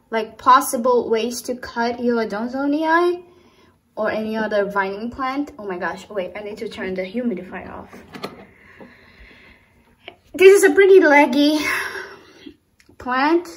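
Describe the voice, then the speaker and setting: A woman's voice: fairly high pitch, lively intonation, measured pace, pauses often. A woman from Brazil explaining plant cuttings in a casual how-to vlog, chatty and self-correcting as she handles her plants at home. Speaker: plant vlogger. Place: home room with plants and a humidifier.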